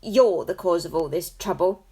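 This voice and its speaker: A woman's voice: fairly low pitch, moderate pace, mellow, breathy edge. A woman voicing a bullying big tomcat brother who snaps and sneers. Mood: sneering. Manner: snapping, sneering.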